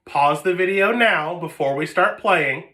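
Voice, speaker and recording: Teaching an online string lesson from his home, a man sits with a whiteboard and films on a phone camera. He speaks at a measured pace in a high, sharp voice, patiently asking "okay?" often to check in.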